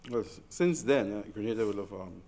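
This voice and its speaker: A man's voice: fairly low pitch, animated, brisk, warm tone. A man who produces pageant shows, a guest on a TV chat show, explaining the pageant's history with frequent ums. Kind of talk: TV interview guest.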